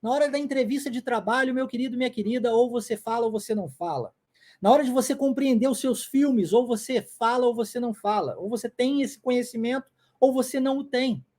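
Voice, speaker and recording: A little fast and a little mellow, a very high-pitched male voice belongs to a forties-aged Brazilian who teaches English and founded a language school. He pushes through an insistent video lesson, drilling phrases by saying them again and again.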